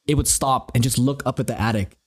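A young man on a casual podcast, cutting in with quick jokes and slangy remarks. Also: mid-range voice, husky. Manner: quick joking interjections, loose slangy talk. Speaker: podcast co-host. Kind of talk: casual chat.

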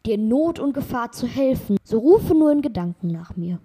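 A woman voicing a big, friendly talking ox in a read-aloud fairy tale, speaking calmly and politely. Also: fairly high pitch, normal speed, slightly rough, voice pushed up.

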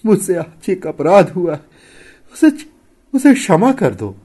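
A man voicing a frightened, guilty young village wife in a high, trembling falsetto. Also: lively intonation, moderate pace, warm tone, husky. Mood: sobbing.

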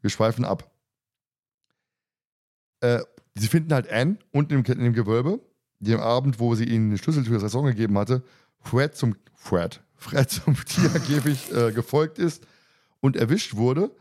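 A male podcast host chats casually, retelling an audio drama episode in an informal way and often interrupting himself. His mid-range voice is a little mellow, and he speaks at a normal speed.

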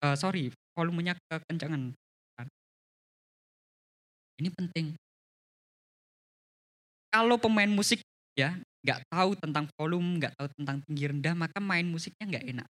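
A man teaching a church leadership class on communication. He is lively and often tags his sentences with a questioning "ya". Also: moderate pace, pauses often. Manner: animated, frequent rising pitch, tags sentences with "ya".

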